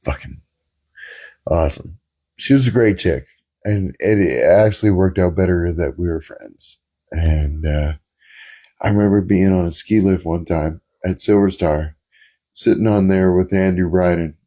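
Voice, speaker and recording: A man's voice: low-pitched, a little slow, warm tone. A man on a casual podcast, telling rambling stories full of fillers and swearing. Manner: rambling, profane storytelling with many fillers. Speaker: podcast co-host.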